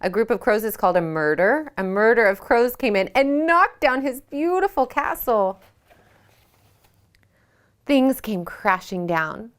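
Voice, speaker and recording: A woman leading a children's yoga storytime at home. She reads a picture book aloud and asks the kids gentle questions. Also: a little high, very animated, measured pace.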